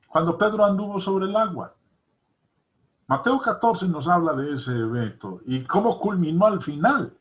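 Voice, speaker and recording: A man's voice: high-pitched, lively intonation, moderate pace. A man teaching a Bible study lesson, reading scripture aloud and stressing key points by repeating them. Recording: dull lo-fi recording.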